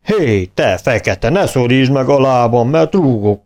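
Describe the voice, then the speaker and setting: A man voicing a grumbling, greedy, cowardly old male cook in a storybook, drawling slowly. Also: mid-range voice, expressive, a little mellow, close to an everyday voice. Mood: cranky.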